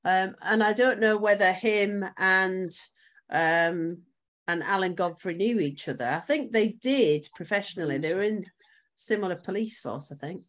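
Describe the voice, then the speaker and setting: A woman's voice: mid-range voice, a little slow, a bit bright. A woman co-hosting a casual round-table podcast, talking in a chatty way with frequent fillers and trailing asides. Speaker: podcast co-host.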